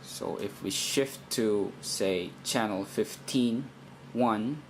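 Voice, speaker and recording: A man with a lowish voice slowly demonstrates radio programming, working hands-on without a script and thinking aloud in hesitant phrases. The amateur recording is noisy, with steady background noise.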